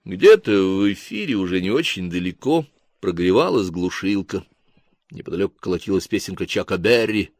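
Guy reading a novel aloud, low calm voice, dry sound. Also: normal speed, no room sound. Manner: low, even narrating voice. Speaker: audiobook reader. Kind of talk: literary narration.

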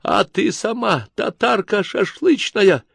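A man's voice: sits high, expressive, takes it slowly, creaky, a bit bright, husky, no room sound, studio quality, voice pushed up, heavily acted. A man voicing a tearful young woman who wails and sobs at her sister. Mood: wailing. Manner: wailing, sobbing.

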